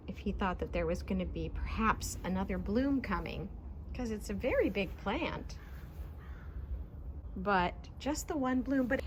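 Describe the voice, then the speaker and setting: A woman's voice: medium pitch, slight background noise. A woman giving a casual, chatty garden tour, talking with enthusiastic affection about and to her plants outdoors. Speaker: garden vlogger.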